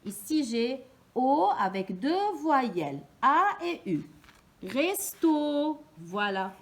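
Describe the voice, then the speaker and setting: Femme enseignante, très lente et articulée. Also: female voice, high voice, very animated. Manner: slow, clearly articulated, stressing each sound. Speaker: teacher. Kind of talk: early reading lesson for children.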